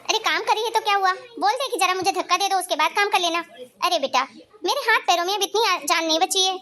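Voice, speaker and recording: A woman voicing a sharp-tongued grandmother and mother-in-law in a cartoon story, bossy and taunting. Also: very high-pitched, quick pace. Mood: coaxing.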